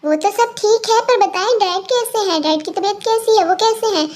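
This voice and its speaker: A woman's voice: extremely high pitch, moderate pace. A woman voicing a polite, easily flustered young man in a fan audio story, apologetic and placating.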